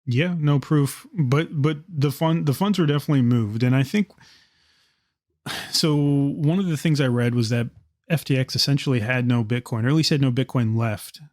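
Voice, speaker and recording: A man co-hosting a podcast, talking in a relaxed, reflective way with light joking. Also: medium pitch, normal speed, no room sound, clean studio sound. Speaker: podcast co-host. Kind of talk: casual podcast discussion.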